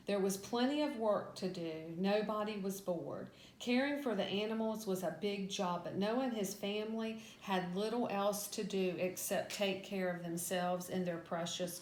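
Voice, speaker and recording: A woman Sunday school teacher reads a scripted Bible story lesson aloud in a storytelling delivery. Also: mid-range voice. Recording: echoey room with background noise.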